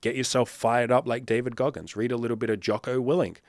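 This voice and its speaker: A man's voice: mid-range voice, steady tone, quick pace, no room sound, studio quality. A man in his thirties, a dating coach giving blunt, profane, fired-up advice in a casual monologue. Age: 30s.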